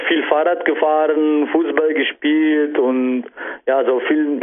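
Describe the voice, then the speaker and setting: Italian-accented young man, tinny sound. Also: on the high side. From Sicily, Italy. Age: 20s. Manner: halting, many fillers and restarts. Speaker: guest bodybuilder. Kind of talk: casual interview answers. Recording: tinny phone-like radio sound.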